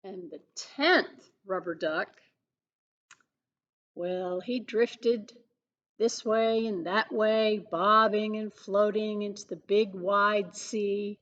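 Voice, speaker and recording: Librarian lady doing story time, slow expressive reading, asks the kids questions, muffled sound. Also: medium pitch. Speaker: children's librarian. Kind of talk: reading a picture book aloud to children. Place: public library.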